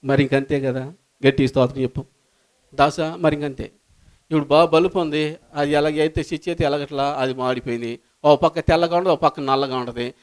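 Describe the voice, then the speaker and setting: A high-pitched man preaches to his church congregation. He surges into loud, fervent calls for praise, then sinks into low, rapid asides. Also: steady tone. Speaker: pastor. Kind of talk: sermon.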